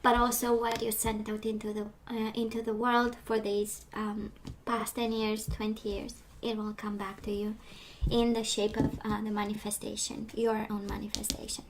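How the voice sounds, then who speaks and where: A woman's voice: medium pitch, monotone, moderate pace. A woman giving a casual tarot reading, losing her voice and talking with many hesitations and restarts. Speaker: tarot reader. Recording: noticeable background noise.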